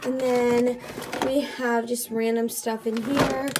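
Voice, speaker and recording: Slow and level in tone, a fairly high-pitched woman vlogs a casual tour of her home, walking from room to room over heavy background noise. She's pregnant and sometimes out of breath, rambling with lots of ums and likes.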